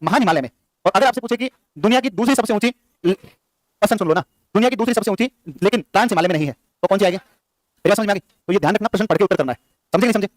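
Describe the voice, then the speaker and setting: A man's voice: sits high, no room sound. A male teacher giving a classroom lecture, quizzing his students over and over. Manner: rapid, repetitive quizzing of students. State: short on sleep.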